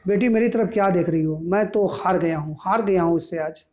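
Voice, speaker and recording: A man's voice: high voice, fairly quick, a little mellow, lightly acted. A male teacher voicing a bewildered, helpless father who sounds flustered and pleading. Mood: defeated.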